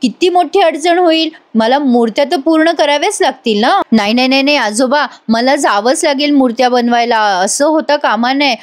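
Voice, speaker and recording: An earnest, insistent young wife who refuses to let her work slip, as a woman puts her on. The voice is high and pleading. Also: normal speed, hardly any pauses, lightly acted.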